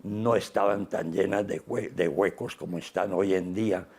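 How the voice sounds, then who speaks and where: Man in his 80s, low voice, raspy, unhurried interview talk with frequent pauses. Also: fairly even intonation, darkish tone. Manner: unhurried, pausing often with "eh". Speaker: interview guest, business founder.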